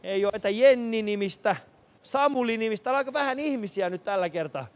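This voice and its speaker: A high-pitched male radio host, energetic and often laughing. He roams a busy city street with a handheld mic, calling out names to strangers for a live charity show. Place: city street outdoors, passing traffic.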